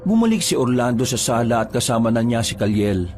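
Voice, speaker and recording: A man reading a folk horror tale aloud as a storyteller, in a measured, storytelling way. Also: medium pitch, very animated, darkish tone. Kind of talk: scripted horror story narration. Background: background music.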